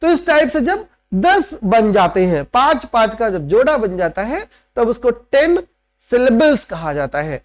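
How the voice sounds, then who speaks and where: A man's voice: very high-pitched, sing-song, unhurried. A man lecturing on literature who explains step by step, drops in English terms and often checks that students follow. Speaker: literature teacher. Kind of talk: classroom lecture.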